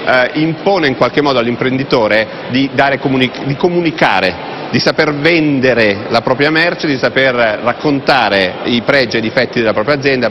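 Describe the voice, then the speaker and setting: A man, a fund manager answering interview questions with frequent hesitations. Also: mid-range voice. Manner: hesitant, many fillers and restarts. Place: convention hall TV set, indoors. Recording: muffled broadcast audio with background noise.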